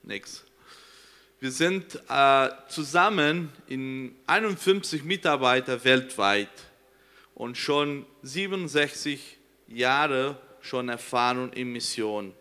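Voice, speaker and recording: A Brazilian missionary, a native Portuguese speaker, addresses a congregation in German with a Brazilian accent. His voice is on the high side, pushed and bright, and he presents earnestly, sometimes searching for words.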